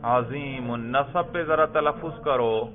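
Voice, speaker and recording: A man's voice: medium pitch, fairly even intonation. A man teaching an Arabic grammar lesson, questioning students and drilling their answers. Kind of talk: classroom lesson. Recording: phone-like narrow sound.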